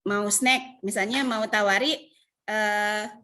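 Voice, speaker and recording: A woman's voice: medium pitch, steady tone, takes it slowly, pushed and bright. A woman from Indonesia teaching an English lesson over a video call, with an Indonesian accent, patiently repeating English phrases and explaining them. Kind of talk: online class lesson. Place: home.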